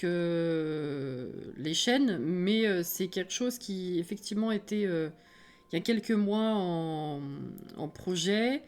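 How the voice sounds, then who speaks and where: A woman's voice: lowish voice, a little mellow. Chatty self-mocking French woman streamer. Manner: chatty and self-mocking, laughing often, rambling with hesitations. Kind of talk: casual live-stream chat, reading and answering viewers.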